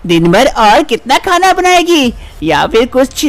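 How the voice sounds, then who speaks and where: A woman's voice: sits high, very animated, a little slow, pitched above the performer's own voice. A woman voicing a domineering older mother-in-law in a cartoon story, who scolds, taunts and makes threats. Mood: scolding. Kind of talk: storybook voice acting.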